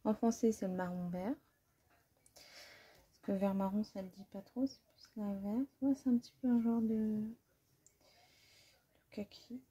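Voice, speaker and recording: Woman art vlogger, very dark mellow tone, husky, unhurried, casual and self-deprecating. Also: mid-range voice, fairly even intonation. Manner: thinks aloud while swatching paints. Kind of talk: casual art-supply haul commentary.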